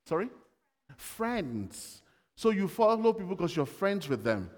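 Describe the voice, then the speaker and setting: A man's voice: high voice, big pitch swings, unhurried, darkish tone, long reverb tail. A man giving a sermon in a conversational way, telling everyday stories and asking the congregation questions. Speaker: preacher.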